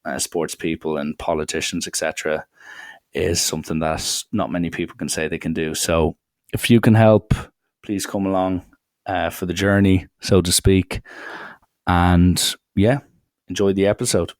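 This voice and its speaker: A man with a very low, deep voice hosts a casual podcast interview, earnest and a little rambling, full of ums and restarts. The sound is dry and close, with no room echo. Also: steady tone, normal speed. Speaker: podcast host.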